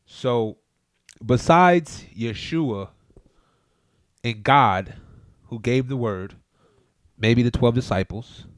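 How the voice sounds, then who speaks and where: A man's voice: mid-range voice, slow pace, long pauses, no room sound, studio quality. A man co-hosting a casual podcast chat, preaching his views emphatically and telling listeners to look things up. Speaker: podcast co-host.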